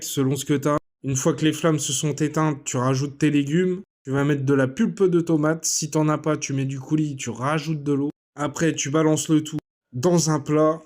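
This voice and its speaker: A man talking viewers through a recipe in a casual, punning way, speaking straight to them. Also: on the high side. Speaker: home cook. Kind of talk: jokey recipe voice-over. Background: soft background music.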